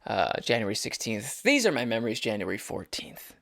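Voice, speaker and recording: A man's voice: fairly low pitch, big pitch swings, brisk, gravelly, a bit bright. Young adult male, solo podcast host, casual rambling delivery with self-interrupting restarts. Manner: rambling, restarts often, joking asides.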